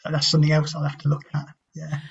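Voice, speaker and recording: A man chatting casually on a video call, agreeable and quick to say yeah. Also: on the high side, monotone, creaky, highs cut off. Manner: agreeable, says yeah often. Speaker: club member.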